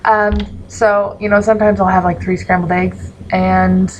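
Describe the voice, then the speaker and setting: A woman's voice: mid-range voice, little pitch movement, moderate pace, slight background noise, low-quality recording. A young woman vlogging in a casual, rambling way, full of ums and likes, sounding sleepy. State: sleepy, yawning. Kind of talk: casual chat to camera.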